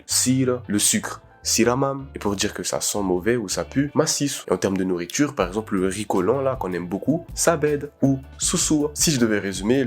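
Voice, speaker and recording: Relaxed young man teaching pronunciation. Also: lowish voice. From Madagascar. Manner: relaxed, chatty, repeats examples slowly. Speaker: language tutor, video creator. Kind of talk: casual spoken lesson.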